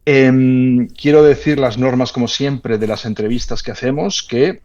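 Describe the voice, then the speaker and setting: A man's voice: mid-range voice, fairly even intonation, unhurried, a little mellow. Hesitant man hosting, dull lo-fi sound. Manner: hesitant, many fillers and restarts. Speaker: host. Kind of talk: casual interview.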